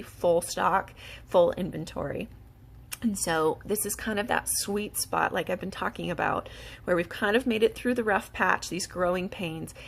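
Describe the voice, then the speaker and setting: A woman giving a casual, eager sales pitch to the camera, talking fast between fillers and little laughs. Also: creaky. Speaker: beauty product distributor.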